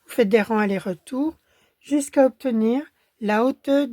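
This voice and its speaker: A slightly high-pitched woman with a Belgian French accent sounds hoarse with a cold while calmly teaching crochet step by step. She counts stitches quietly to herself at a measured pace, and there's no room sound.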